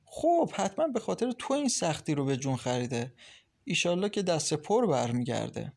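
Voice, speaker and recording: A man's voice: on the high side, creaky, exaggerated voice. A man voicing a caring, talkative young wife who gives kind, lecturing advice in an audiobook. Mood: concerned. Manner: lively, reassuring, lecturing kindly. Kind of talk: audiobook character reading.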